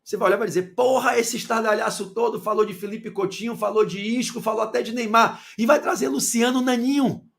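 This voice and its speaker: This football commentator, a Bahian Portuguese speaker from Salvador, Bahia, Brazil, gives an opinionated monologue in a fairly high, gravelly voice. He keeps throwing rhetorical questions at the listener, moving from loud outbursts to low asides. His intonation stays fairly even, and he talks fairly quickly with hardly any pauses.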